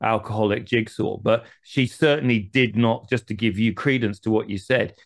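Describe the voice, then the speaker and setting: A man's voice: lowish voice, moderate pace, gravelly. A man hosting an interview, asking long, winding questions full of asides. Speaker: host. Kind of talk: conversational interview.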